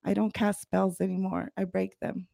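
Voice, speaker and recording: A woman's voice: mid-range voice, little pitch movement, normal speed, gravelly, mellow, dry recording. Woman guest, middle-aged, blunt and profane, dry recording. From United States, parents from Guatemala. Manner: blunt, profane, laughs often. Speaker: podcast guest, practicing witch. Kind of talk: casual podcast chat.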